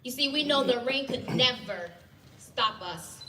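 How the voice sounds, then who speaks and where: A woman with a fairly high voice rallies a crowd, trading calls and answers with them. Her voice carries through an echoey hall, heard from some distance. A noisy background sits behind her. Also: expressive, measured pace. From Ghana. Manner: rousing, call-and-response with the crowd. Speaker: rally speaker, legal director. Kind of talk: rally speech. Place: indoor hall at a rally.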